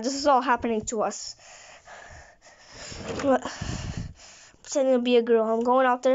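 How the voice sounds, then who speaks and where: A woman's voice: on the high side, clean tone. A woman narrating an improvised fan story in a rambling way, often restarting her sentences. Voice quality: rambling, frequent restarts and stumbles. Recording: dull lo-fi recording.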